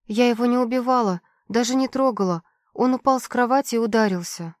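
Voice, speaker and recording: A woman voicing a young female prisoner who pleads and shouts in an audiobook. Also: on the high side, fairly quick, dry recording, clean studio sound, voice pushed up, natural voice. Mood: desperate.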